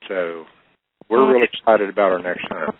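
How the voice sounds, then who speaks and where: A man calling in to a talk show, telling a story in a plain, unhurried way over a crackly phone line. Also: low voice, slightly rough. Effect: crackly phone line with static. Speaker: call-in guest.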